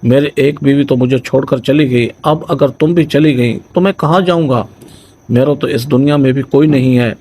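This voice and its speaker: A man's voice: mid-range voice, dark tone, close to an everyday voice. A man playing a remorseful husband who pleads in tears, his voice trembling. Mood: desperate pleading.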